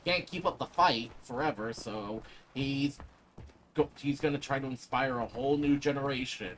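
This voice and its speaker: A man's voice: medium pitch, normal speed, fairly bright tone, a little hiss or hum, poor audio. A man giving casual, opinionated commentary while gaming, speaking emphatically and swearing freely. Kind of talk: casual chat over gameplay.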